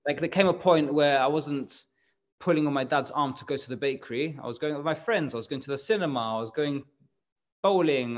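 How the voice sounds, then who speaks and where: A man in his thirties, guest on an interview over a video call, talking in a rambling, chatty way with frequent restarts and laughs. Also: medium pitch. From England. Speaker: bakery managing director, guest. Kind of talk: casual interview chat. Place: room at home. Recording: slightly dull video call audio.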